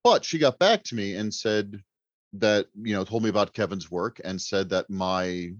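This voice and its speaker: Speaking at an ordinary pace, this guest author on a podcast has a lowish, lively voice and chats in a wordy, joking way that often pokes fun at himself. The recording is slightly dull and roomy.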